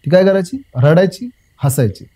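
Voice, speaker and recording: Young male guest, slightly high, mellow voice; loose rambling storyteller who repeats phrases and says "uh" a lot. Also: husky, poor audio. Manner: rambling, repeats phrases, fills pauses with "uh", addresses the host as sir. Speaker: guest recounting a personal experience. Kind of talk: casual spoken storytelling.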